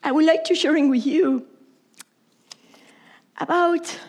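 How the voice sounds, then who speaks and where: Preaching at a church service, she speaks high and steady, with a darkish tone. She's a woman pastor from Argentina, Italian by first language and Argentine in accent, and her English sermon comes out halting and repetitive, occasionally sinking into a whisper.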